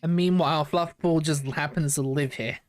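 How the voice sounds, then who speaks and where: A woman with a fairly low voice chimes into a casual chat on a stream. She is blunt and swears freely. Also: fairly even intonation, moderate pace, darkish tone. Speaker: streaming guest.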